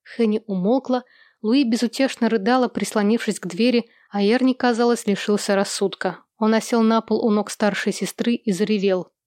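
A woman narrating a literary novel as an audiobook, in a steady, even storytelling manner. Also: fairly high pitch, moderate pace, no echo, clean studio sound.

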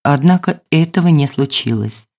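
Woman, audiobook narrator, low voice, measured, scripted narration. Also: lively intonation, creaky, darkish tone.

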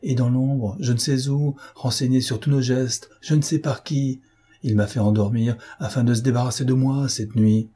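A man voicing a proud, defiant gentleman thief in an audiobook, mocking and self-assured. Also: mid-range voice, steady tone, moderate pace, slightly rough, close to an everyday voice. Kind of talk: audiobook character reading.

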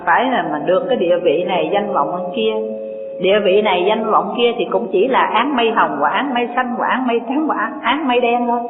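Teacher, echoey hall. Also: medium pitch. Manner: unhurried, asks rhetorical questions, reads scripture aloud. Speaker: Buddhist dharma teacher. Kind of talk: dharma talk sermon. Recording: echoey hall, tinny lo-fi line, faint music.

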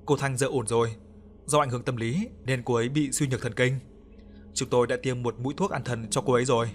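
A man plays a hospital doctor in a horror audiobook. The doctor speaks calmly and reassuringly, close to the narrator's own voice. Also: mid-range voice, quick pace, slight background noise, lightly acted.

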